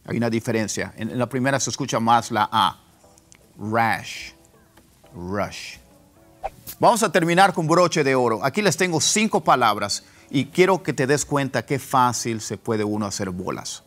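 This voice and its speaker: A man teaching an online pronunciation lesson, repeating words slowly for drill. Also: medium pitch, expressive, a bit bright, soft background music. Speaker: English teacher.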